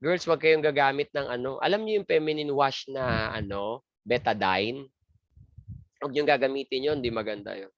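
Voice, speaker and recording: A man's voice: medium pitch, normal speed, no room sound. A man giving an exam review lecture, joking crudely and asking and answering his own questions. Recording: dry, muffled lo-fi lecture audio.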